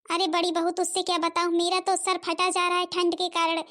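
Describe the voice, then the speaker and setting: A woman's voice: extremely high pitch, monotone, fairly quick, pushed and bright. A woman voicing a fretful, self-pitying old mother-in-law in a cartoon, complaining plaintively. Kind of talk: Hindi cartoon voice acting.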